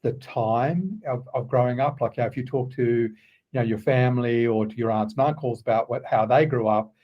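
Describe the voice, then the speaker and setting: A man around sixty with an Australian accent, a guest telling stories in a relaxed, halting way with many ums. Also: medium pitch, dull audio. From Queensland, Australia. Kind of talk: casual interview chat.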